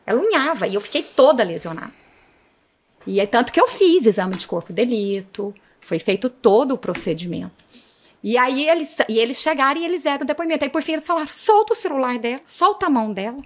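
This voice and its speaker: Being interviewed about her experience, this police chief talks in a slightly high, animated, brisk voice over slight background noise. She tells it vividly and dramatically, frequently addressing the audience.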